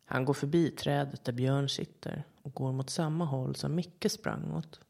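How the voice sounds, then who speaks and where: A podcast storyteller reading a first-person horror story in a calm, measured way. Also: medium pitch, vocal fry. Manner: calm, measured storytelling with short quoted voices. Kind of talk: scripted horror narration.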